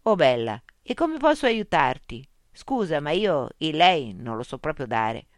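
A woman's voice: sits low, very animated, unhurried, dry recording, studio quality. A woman voicing an informal, direct woman illustrator welcoming a guest. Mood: casual.

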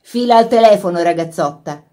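A woman voicing a young man, a warm, boyish brother who talks hurriedly and teases. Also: mid-range voice, sing-song. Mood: teasing. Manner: hurried, teasing.

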